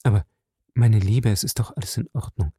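A man reading an audiobook and voicing a sheepish husband who pleads softly and hurries through his excuses. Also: fairly low pitch, fairly even intonation, brisk, slightly rough, no echo, studio quality. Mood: pleading. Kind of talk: audiobook character voice.

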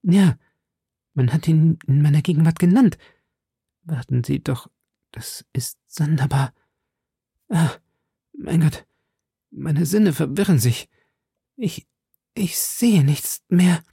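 A man's voice: fairly high pitch, slow pace, gravelly, long pauses, dark tone, breathy edge, no echo, studio quality, pitched above the performer's own voice, heavily acted. A man voicing a frightened young woman who grows faint, with a breathless, pleading, lifted voice. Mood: faltering.

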